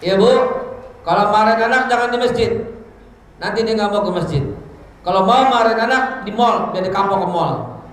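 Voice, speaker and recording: A man preaching a lively sermon to parents, acting out parents and children and mixing in Arabic phrases. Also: high voice, moderate pace, pauses often. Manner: animated, acts out parents and children, sings snatches, quotes Arabic. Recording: echoey hall with faint noise.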